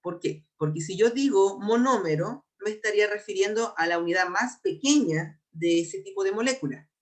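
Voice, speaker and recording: A young adult biology teacher with a Chilean accent, giving an exam prep lecture and explaining patiently while slowing down to repeat key terms. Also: mid-range voice, lively intonation.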